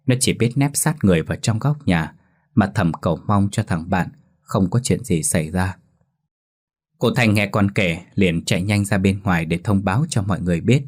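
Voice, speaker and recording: Ghost story narrator: a man with a deep, husky voice, steady and even delivery. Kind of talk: scripted horror story narration.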